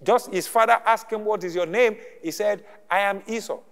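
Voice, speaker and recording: Male pastor, higher-pitched voice, sermon with call-and-response checks, church hall with long reverb. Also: moderate pace, fairly bright tone, smooth.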